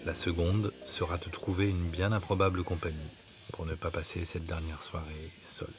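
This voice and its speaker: A man with a very low voice reads his own story aloud, unhurried and intimate. His delivery stays hushed and sometimes sinks to a whisper. Clear background music plays under the narration. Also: flat delivery. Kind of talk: scripted autobiographical narration.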